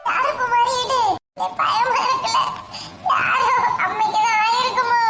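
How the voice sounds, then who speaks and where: A woman's voice: very high-pitched, steady tone, a little slow, roomy sound, noisy background, voice pushed up. A woman with a Kanyakumari Tamil accent playing a tearful young daughter who is frightened for her missing mother. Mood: scared. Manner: weepy and frightened.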